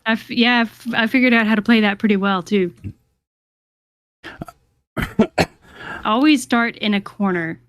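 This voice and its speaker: A woman's voice: a little high, a little slow, long pauses, dry recording. A young adult woman, a guest on a livestream, chatting casually and giggling at herself. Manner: giggly, chatty, self-deprecating.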